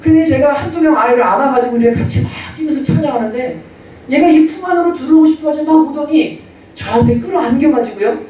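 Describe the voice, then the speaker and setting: A male pastor giving a sermon, telling stories in a lively way and acting out the dialogue. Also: very high voice, fast. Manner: animated storytelling, acting out dialogue. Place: church sanctuary. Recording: distant echoey church hall.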